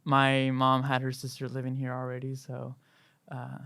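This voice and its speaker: A man in his thirties from Chile whose first language is Spanish, a worship director telling his story in a podcast interview in a relaxed, halting way with many fillers. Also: mid-range voice, gravelly, clean tone, dry recording, studio quality. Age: 30s.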